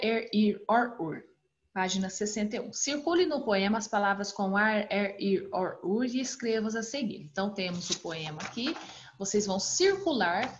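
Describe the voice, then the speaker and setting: Patient Brazilian schoolteacher, muffled audio. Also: female voice, fairly high pitch. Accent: Brazilian Portuguese. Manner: patient, walks children through exercises step by step; affectionate, calls the class "turminha". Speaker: primary school teacher. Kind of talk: recorded online class. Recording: dull lo-fi recording.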